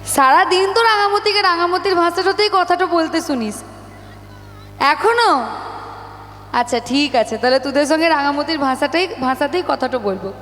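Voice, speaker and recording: A young woman, an actress from Murshidabad, chatting playfully with a live audience while hoarse from a cold. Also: high-pitched, moderate pace, fairly bright tone. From Murshidabad, West Bengal, India. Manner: playful, teasing the crowd. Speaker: guest actress performing on stage. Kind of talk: stage chat with audience. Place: live outdoor-style stage show. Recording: echoey PA sound with long reverb and faint music.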